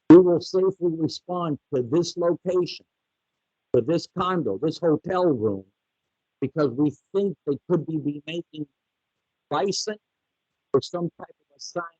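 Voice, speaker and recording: A man's voice: on the high side, lively intonation, unhurried, long pauses, mellow, no room sound. A man giving a hazmat webinar briefing over a computer microphone, his audio cutting out, speaking plainly with frequent restarts. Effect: audio keeps cutting out. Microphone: computer microphone on a video call. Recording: dull, dropping-out online call audio.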